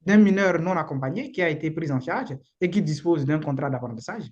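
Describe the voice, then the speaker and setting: A woman's voice: low-pitched, animated, a little fast, darkish tone, muffled recording. A woman lawyer with a Beninese accent gives informal, frank advice in a live online session, using the odd blunt slang word. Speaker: immigration lawyer.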